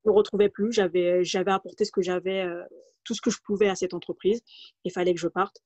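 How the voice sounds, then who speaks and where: Hesitant and prone to fillers and restarts, a woman in her thirties from the Paris region talks through her career as an interview guest via video call from her home. Her lowish, slightly mellow voice moves quickly with little pitch variation, with no room sound in the dull, lo-fi recording.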